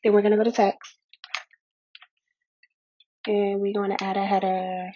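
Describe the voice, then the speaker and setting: A woman's voice: mid-range voice, little pitch movement, unhurried, highs cut off, slight background noise. A woman who runs a small candle business, giving a casual how-to tutorial in a chatty way, calling her viewers y'all, a little out of breath.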